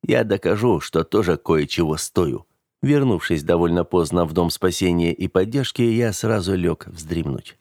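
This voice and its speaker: Low-voiced male audiobook narrator. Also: moderate pace, darkish tone, no echo, studio quality. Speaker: audiobook reader. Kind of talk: first-person audiobook narration.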